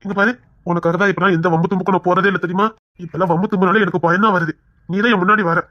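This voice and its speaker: A woman's voice: fairly low pitch, steady tone, rapid-fire, dry recording, close to an everyday voice. A woman voicing a young husband, a reformed brawler, coaxing and pleading with his wife in an audio drama. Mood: earnest pleading. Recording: dull dry lo-fi recording.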